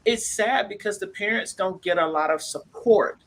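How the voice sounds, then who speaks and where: Passionate higher-voiced man on a panel. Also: moderate pace, fairly bright tone. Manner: passionate, emphatic, acts out relatives' voices. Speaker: panel guest. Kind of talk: panel discussion.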